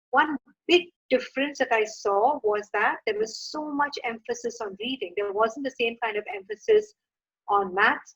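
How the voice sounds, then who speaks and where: A woman's voice: on the high side, fairly bright tone, slightly rough. Woman, middle-aged, workshop speaker, earnest and advising, muffled lo-fi sound. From India. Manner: earnest and advising, with frequent uh and you know. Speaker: founder of a children's reading program, workshop speaker. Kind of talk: online workshop talk to parents. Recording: dull lo-fi sound.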